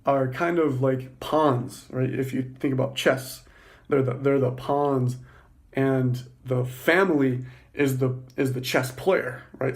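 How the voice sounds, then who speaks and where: A man hosting a podcast, talking through philosophical ideas in an excited, fast, self-correcting monologue. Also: medium pitch. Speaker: podcast host. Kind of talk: casual spoken monologue on philosophy.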